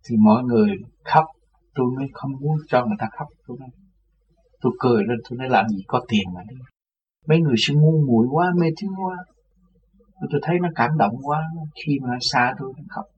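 A man's voice: medium pitch, fast talker. A man, a religious teacher, tells his story in a loose, repetitive way. He is recorded from a distance on a dull, muffled mic with a faint hiss behind him. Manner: rambling, repeats words, acts out others' voices. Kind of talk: casual spoken recollection.

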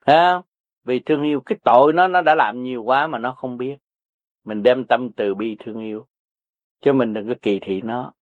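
Speaking in a mid-range voice, this older Southern Vietnamese man gives folksy spiritual teaching: Buddhist lessons that are blunt, earthy and repetitive. There's no echo, and the lo-fi recording sounds dry and dull.

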